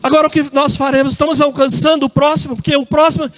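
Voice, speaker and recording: High-voiced Brazilian preacher. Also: male voice, flat delivery, fast, fairly bright tone. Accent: Brazilian Portuguese. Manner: addresses congregation as brothers, tells personal anecdotes. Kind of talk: sermon. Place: church.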